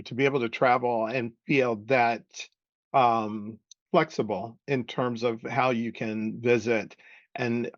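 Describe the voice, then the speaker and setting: A man's voice: mid-range voice, no echo. Upbeat male podcast host, muffled line. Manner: upbeat, affirming interviewer. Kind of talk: interview questions.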